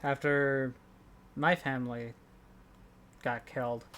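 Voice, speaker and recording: A man playing a loyal young male character in a tabletop role-play, speaking in a casual, halting, sincere way. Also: medium pitch, little pitch movement, a bit bright, slight background noise.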